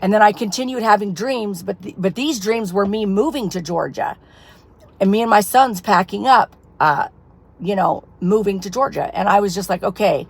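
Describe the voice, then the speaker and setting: Speaking to camera, a woman ministry leader whose voice is fading shares a casual personal testimony with her followers, wandering and full of filler words. Her pitch is medium with a breathy edge, and she talks at a normal speed.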